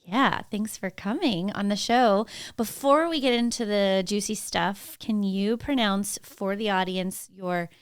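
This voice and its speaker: Enthusiastic woman podcast host, mid pitch, crisp dry voice. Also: unhurried, hardly any pauses, no echo. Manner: upbeat, enthusiastic. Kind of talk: interview host, casual chat.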